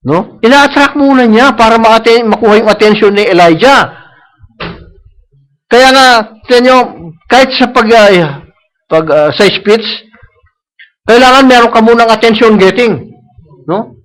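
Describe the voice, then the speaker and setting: A man with a notably high voice preaches a sermon in a church, his plain as he slides between Tagalog and English. He hammers points home by repetition and keeps checking in with a questioning "No?". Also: a little slow, pauses often, fairly bright tone, poor audio. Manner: switches between Tagalog and English, tags lines with "No?"; repeats himself for emphasis. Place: church service.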